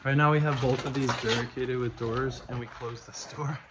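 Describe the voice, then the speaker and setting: A man narrates his exploration in a tense, half-whispered voice while filming on his phone. His pitch sits in an ordinary middle range, and there is steady noise behind him. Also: normal speed. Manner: tense, hushed, talking to viewers. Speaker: urban explorer vlogger. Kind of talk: casual vlog narration. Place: inside an abandoned church. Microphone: phone camera. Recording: noisy phone recording.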